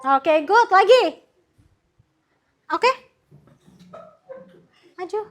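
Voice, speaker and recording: A woman's voice: very high voice, lively intonation, drawn-out words. A young woman student teacher leading a primary school class in a classroom, upbeat and coaxing as she calls pupils forward. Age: young adult.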